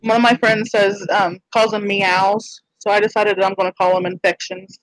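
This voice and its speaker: A woman's voice: mid-range voice, little pitch movement, normal speed. A woman chats casually as co-host on a livestream, rambling and restarting her sentences. Her voice sounds dry and close, with no room echo. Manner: rambling, hesitant, full of restarts. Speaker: channel owner and co-host.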